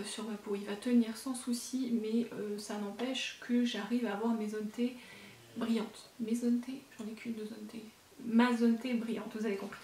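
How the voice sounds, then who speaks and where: A woman's voice: on the high side, darkish tone, echoey room, distant mic, slight background noise. A woman beauty vlogger chatting casually to camera about her makeup collection, rambling with lots of fillers and self-corrections.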